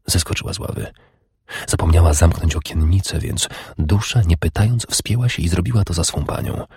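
Deep gravelly male narrator. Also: darkish tone, no room sound, studio quality. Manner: measured, grave storytelling. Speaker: audiobook narrator. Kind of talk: scripted narration of historical fiction.

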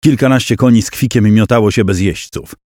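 A man with a fairly low voice reads a historical battle tale as an audiobook, acting out the shouts and cries of the characters within his narration. The sound is dry and close, with no room in it. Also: fairly quick, dry recording.

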